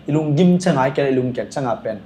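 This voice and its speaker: A man's voice: medium pitch, lively intonation, very fast, mellow. A man chatting casually as a podcast guest, telling rambling stories with lots of filler sounds. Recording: echoey room with faint ambient noise.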